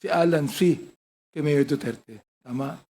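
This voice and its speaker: A man's voice: a little high, a little slow, dark tone, slightly rough. A man questioning a witness at a formal hearing, pointed and probing.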